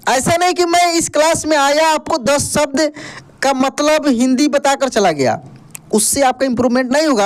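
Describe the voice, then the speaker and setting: A man teaching a lesson, explaining step by step and drilling words by asking and answering his own questions. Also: very high voice. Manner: explanatory, addresses viewers as friends. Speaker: online English tutor. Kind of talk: classroom-style lesson.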